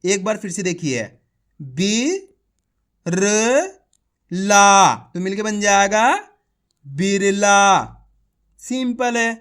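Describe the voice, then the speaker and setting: Man sounding out words, very slowly. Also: high-pitched, fairly bright tone, clear, resonant tone. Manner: sounds out words syllable by syllable, then says them whole; addresses viewers as friends, coaching and encouraging. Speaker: Hindi reading teacher. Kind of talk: spelling-out reading lesson.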